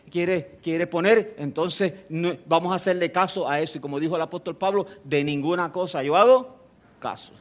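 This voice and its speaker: A man preaching a sermon, speaking to the listener directly with repetition and rhetorical questions, and rising to loud, emphatic passages. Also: fairly high pitch.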